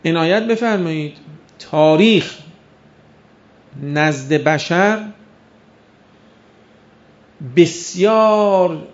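A man's voice: fairly high pitch, gravelly, darkish tone. A man preaching a sermon who keeps firing rhetorical questions at the audience and acts out the voices of imagined doubters. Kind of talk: religious sermon. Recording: dull lo-fi recording.

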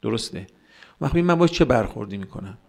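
Guy preaching a sermon, gravelly voice, keeps firing rhetorical questions. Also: mid-range voice, expressive, darkish tone. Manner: argumentative, rhetorical questions, mocking quoted voices. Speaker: cleric. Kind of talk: religious sermon.

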